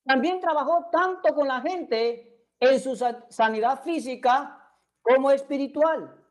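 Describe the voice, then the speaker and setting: High-voiced woman preaching a sermon. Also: takes it slowly. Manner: earnest, addresses listeners directly with questions.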